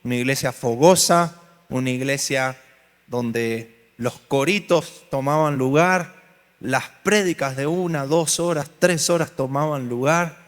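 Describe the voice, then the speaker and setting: In a big hall full of churchgoers, a pastor with an Argentine Spanish accent runs a lively workshop, mixing humor and storytelling with questions to the crowd. His medium-pitched voice keeps a measured pace, with hall reverb on the recording.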